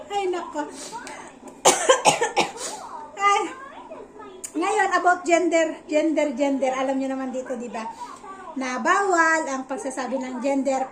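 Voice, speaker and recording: A woman's voice: sits high, fairly even intonation, a little slow, crowd noise, rough recording. A young woman with a Filipino accent chatting casually in a vlog, searching for words with many fillers. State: slightly out of breath. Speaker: vlogger.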